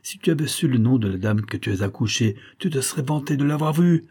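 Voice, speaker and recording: A man's voice: medium pitch, moderate pace, a little mellow, slightly rough. A man voicing a furious, haughty noble count who thunders scornful outbursts, reading an audiobook.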